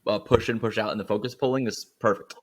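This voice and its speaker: A man's voice: fairly low pitch, fairly even intonation, fast. A man who makes films, a guest co-host talking casually and thoughtfully about filmmaking craft. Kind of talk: casual film discussion.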